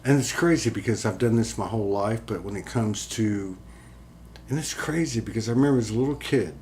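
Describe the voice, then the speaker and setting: Hosting a casual spiritual chat, a man rambles earnestly with many "like"s and some casual swearing while a guitar plays behind him. His voice is lowish, a little fast and somewhat mellow, with slight background noise.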